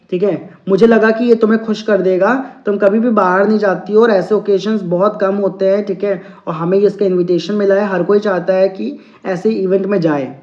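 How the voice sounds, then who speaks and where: A male teacher reads a story aloud slowly and explains it, checking in often with his listeners. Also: sits high, a little mellow. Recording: dull lo-fi sound.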